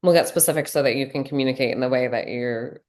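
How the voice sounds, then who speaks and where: A woman's voice: extremely low pitch, fast, darkish tone. A woman interviewing a guest in a casual conversation, asking long, inquisitive questions.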